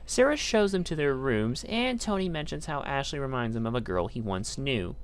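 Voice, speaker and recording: Brief: woman game reviewer, low but lively voice, sarcastic narration. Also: moderate pace, slight background noise. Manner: dry, sarcastic asides. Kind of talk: scripted video-essay narration.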